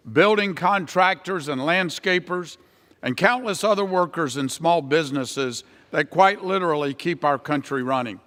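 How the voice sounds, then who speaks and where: A man's voice: high voice, a bit bright. An American man giving a formal, prepared political floor speech as a congressman. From Ohio, United States. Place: large legislative chamber, House floor. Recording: reverberant large chamber.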